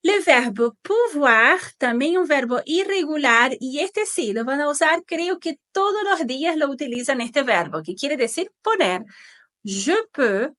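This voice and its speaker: A woman, teaching French patiently and clearly and often checking in with her students. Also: sits high, lively intonation, a bit bright. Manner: patient and careful, checking in with "¿sí?" and modelling pronunciation slowly. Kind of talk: slow, clear language lesson.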